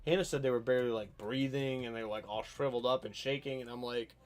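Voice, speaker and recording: A man hosting a casual hunting podcast, rambling and animated, often checking that the listener follows. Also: mid-range voice, fast talker. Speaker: podcast host.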